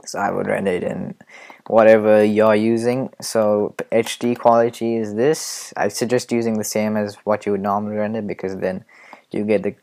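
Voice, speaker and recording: A man giving a casual screen-recorded animation tutorial, rambling and hesitant, often muttering quiet asides to himself. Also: lowish voice, flat delivery, moderate pace, gravelly.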